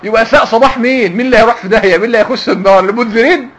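This teacher's voice is extremely high and a bit bright, racing along as he leads young pupils in Quran recitation. Speaking with an Egyptian Arabic accent, he keeps firing repeated questions and waits for the class to respond.

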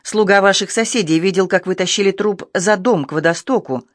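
A man playing a shrewd male magistrate who questions in a cool, measured way. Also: sits high, dry recording, studio quality, close to an everyday voice. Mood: probing. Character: shrewd male magistrate, calm, cold and probing.

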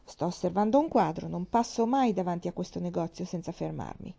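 A cheerful old navy admiral talks on with bluff frankness, as a woman reading the story puts him on. The voice is warm and dark with a gravelly edge. He sounds like a storybook character read aloud. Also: lowish voice, lively intonation, brisk, full character voice. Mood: jovial. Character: hearty, jovial old navy admiral, man.

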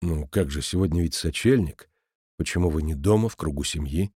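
A man voicing a weary, reserved police inspector who speaks quietly and hesitantly. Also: very deep voice, fairly quick, breathy edge, no echo, studio quality, voice pushed down.

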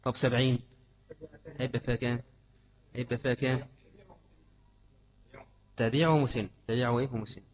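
A man's voice: medium pitch, level tone, a little fast, pauses often. A man with an Egyptian Arabic accent giving an Islamic study lesson, repeating key words and quizzing his class. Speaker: religious teacher.

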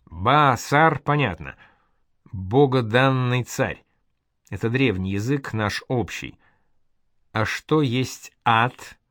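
A man's voice: medium pitch, slow pace, long pauses, fairly bright tone, no echo, studio quality. A man reading an audiobook voices a curious, bookish male scholar asking thoughtful questions.

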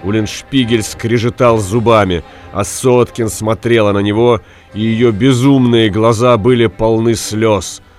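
A man reading a story aloud as narrator, in a measured way that drops at the ends of phrases. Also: on the low side, fairly even intonation, soft background music. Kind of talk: audiobook reading.

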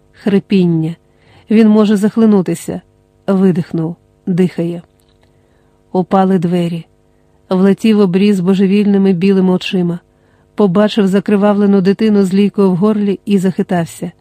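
An audiobook narrator reading a dramatic novel in a measured, dramatic way. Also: medium pitch, steady tone, dark tone, no room sound, soft background music.

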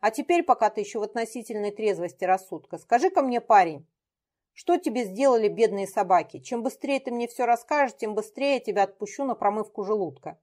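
A woman reading aloud and voicing a man who shouts harsh, furious commands and threats. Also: medium pitch, brisk, close to an everyday voice. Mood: menacing.

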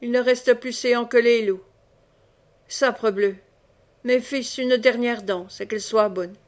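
A woman's voice: on the high side, steady tone, unhurried, natural voice. A woman reading the part of a blustering, swearing knight commander in an audiobook. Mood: rousing.

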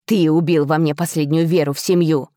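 A woman voicing a furious, betrayed young dragon prince who shouts raw, bitter accusations at his father. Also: deep voice, steady tone, a little fast, no room sound, studio quality, lightly acted.

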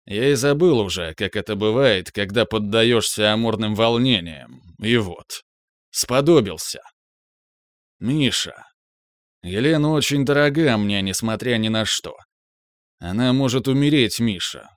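A man doing a strained, halting older officer. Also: lowish voice, expressive, no echo, studio quality. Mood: troubled. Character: troubled older male security officer.

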